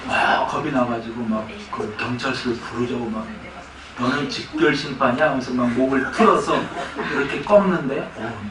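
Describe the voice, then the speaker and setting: A male pastor giving a sermon, telling personal stories in an animated way and often laughing. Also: medium pitch, noisy background. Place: church sanctuary. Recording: echoey church hall from far off.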